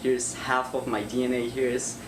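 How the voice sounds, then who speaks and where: A man of twenty-one answers interview questions and thinks out loud as he goes. His voice sounds far from the mic, in an echoey room with steady noise behind it. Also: mid-range voice, measured pace. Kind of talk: documentary interview. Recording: roomy, distant and noisy.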